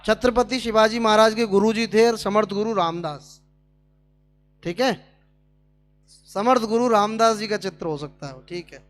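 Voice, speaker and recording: A man's voice: high-pitched, moderate pace, long pauses, slight background noise. A man teaching a Sanskrit class at a speaking camp, drilling students with questions.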